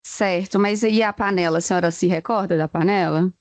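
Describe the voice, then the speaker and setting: A woman's voice: lowish voice, steady tone, no echo. Probing Brazilian woman, courtroom questioner. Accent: Brazilian Portuguese. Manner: probing, rapid-fire questions.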